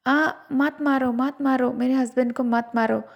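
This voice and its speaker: A woman's voice: a little high, level tone, a little slow, dull audio. A woman voicing a frightened young wife who pleads for her husband, with a raised, pleading voice.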